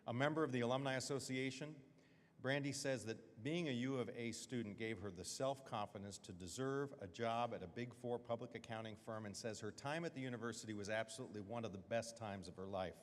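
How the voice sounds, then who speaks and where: Male presenter, formal scripted introduction, middle pitch, reverberant hall. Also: a little fast. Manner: steady, scripted listing of achievements. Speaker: awards presenter. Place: large hall at an awards event.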